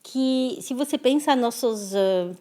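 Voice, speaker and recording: French woman, gentle higher voice. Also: slow. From France. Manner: thoughtful, often restarts words. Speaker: guest. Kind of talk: conversational interview.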